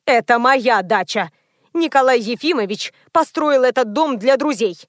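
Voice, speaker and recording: Angry, imperious older matriarch, loud and indignant, read by a woman narrator for an audiobook; dry close sound. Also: on the high side, lively intonation, moderate pace, dry recording, natural voice. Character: furious older mother-in-law, imperious.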